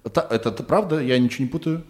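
A man's voice: medium pitch, rapid-fire, darkish tone. A man hosting a podcast interview, talking informally and rambling in short broken pieces. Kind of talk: casual conversational interview.

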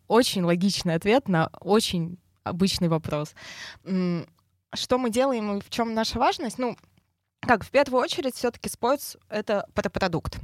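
A woman's voice: medium pitch, no room sound, studio quality. A woman who pronounces her r with a burr, explaining things informally as a guest in a podcast interview. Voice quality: burred, non-standard r sound (speech impediment). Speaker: interview guest, head of a traffic department.

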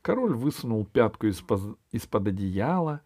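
Guy reading a kids story aloud, lively up and down, bit of a gravelly edge. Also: on the low side, normal speed, no echo, clean studio sound. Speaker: audiobook narrator. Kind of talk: storybook narration.

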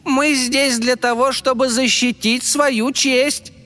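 A man's voice: very high-pitched, fairly even intonation, slow pace, faint music behind, voice pushed up, exaggerated voice. Silver Spine, a man doing an old grumpy fairy. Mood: glum. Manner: irritable, then quietly glum. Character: old, gloomy male fairy.

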